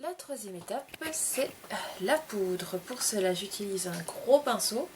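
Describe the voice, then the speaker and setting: A young woman calmly explaining makeup steps in a tutorial, in short, gentle phrases. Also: mid-range voice, unhurried, a little hiss or hum. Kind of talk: casual step-by-step makeup tutorial.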